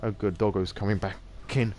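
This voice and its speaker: A man's voice: fairly low pitch, steady tone, fairly quick. A man hosting a casual live-stream reading, drifting into rambling, self-deprecating asides. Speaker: host reading a visual novel on stream. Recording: music playing behind.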